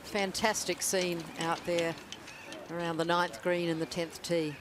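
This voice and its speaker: A man's voice: fairly high pitch, level tone, measured pace, noisy background. A man giving live golf tournament commentary as a broadcast commentator.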